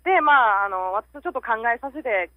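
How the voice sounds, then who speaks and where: A woman's voice: on the high side, animated, brisk, no room sound, narrow, tinny audio. A woman in her thirties phoning in as a caller to a radio advice show, speaking frankly with many hesitant fillers. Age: 30s. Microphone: phone call into the studio.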